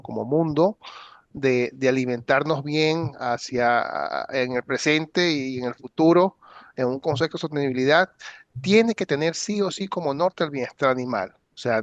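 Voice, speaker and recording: A man moderating a webinar with a measured, hesitant manner and repeated words. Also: mid-range voice, no echo. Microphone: video call. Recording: dull, dry video-call audio.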